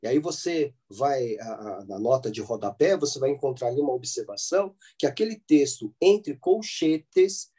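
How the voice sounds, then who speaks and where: A man with a Brazilian Portuguese accent teaches a church theology class, explaining step by step and often checking in with listeners through "né?" and "tá?". His mid-range voice is warm and slightly rough, with lively intonation, a normal speed, and hardly any pauses.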